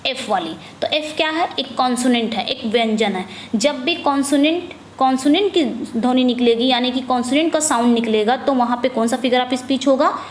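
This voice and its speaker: This is a high-pitched woman with an Indian accent, teaching an exam-prep lesson. She poses questions and answers them herself, and she reads each question at a slow, deliberate pace. The room sounds echoey, with faint ambience behind her. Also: slight background noise. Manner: reads questions slowly, drops low on answers. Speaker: English exam tutor. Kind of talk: exam-prep lesson in Hindi-English mix.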